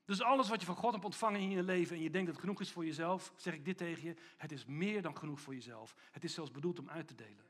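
Pastor, male, high husky voice, builds to loud emphasis then drops to a hush. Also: fast, few pauses. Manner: preaching with big swings between loud emphasis and hushed, intimate lines. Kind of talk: sermon.

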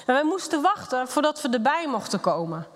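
A woman's voice: sits high, sing-song, a little fast. Middle-aged woman, blunt and emotional personal testimony, long hall reverb. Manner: candid and blunt, emotional storytelling. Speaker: speaker sharing a personal testimony.

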